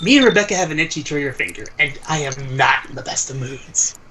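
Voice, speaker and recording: A man's voice: medium pitch, lively intonation, fairly quick, pushed and bright, a little hiss or hum, voice pushed down. A man voicing an impatient, threatening adventurer with a crossbow in a tabletop game, stumbling through his threats. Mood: menacing.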